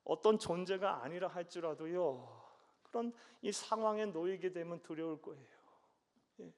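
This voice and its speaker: Korean pastor preaching in a reverberant church. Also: male voice, high voice, moderate pace. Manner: asks the congregation questions, affirming "예" often. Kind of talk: sermon. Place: church sanctuary. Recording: long reverb of a church hall.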